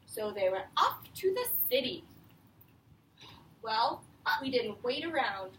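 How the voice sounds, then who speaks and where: Her voice sits on the high side, very animated and fairly bright, and she takes a slow pace as she reads to young children. As their elementary school teacher, she explains simply and keeps prompting them with questions. The recording comes from a distant mic in an echoey classroom, with faint noise.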